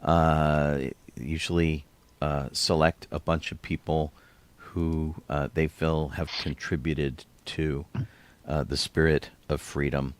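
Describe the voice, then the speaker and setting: A man's voice: extremely low pitch, level tone, takes it slowly, clean tone. A man co-hosting a podcast, chatting casually and telling rambling stories with small chuckles. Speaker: podcast co-host. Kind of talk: casual chat.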